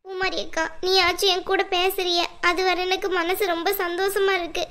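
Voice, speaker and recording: A woman voicing a pleading young sister, very high. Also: level tone, normal speed, bright, forceful tone. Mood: grateful. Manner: pleading, apologetic. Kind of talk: cartoon voice acting.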